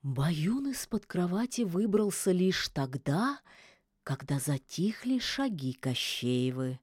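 Woman narrator, fairy tale audiobook, low voice, very unhurried, animated pitch, dry close sound. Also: breathy edge, dry recording. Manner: measured storytelling.

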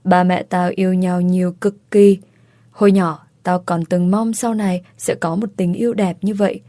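A woman's voice: fairly low pitch, flat delivery, moderate pace, mellow, no room sound, natural voice. A woman voicing a blunt, loyal young woman friend who talks brash and teasing, with crude slang. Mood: somber.

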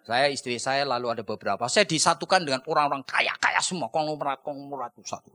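A middle-aged pastor preaching in a church, telling a story and acting out its voices, swinging from shouts to hushed asides. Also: male voice, mid-range voice, fast talker. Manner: acts out voices in his stories. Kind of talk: sermon with storytelling.

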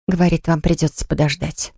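A woman voicing a shy, apologetic young shop assistant who speaks low and timidly. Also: flat delivery, measured pace, dry recording, studio quality, natural voice. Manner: timid, hushed.

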